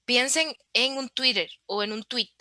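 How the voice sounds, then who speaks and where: A woman speaks as a podcast guest and explains her points patiently, using everyday examples. Her voice is fairly high and bright. The sound is dry, with no room echo. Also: measured pace. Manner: clear, didactic, explains with examples. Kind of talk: explanatory interview talk.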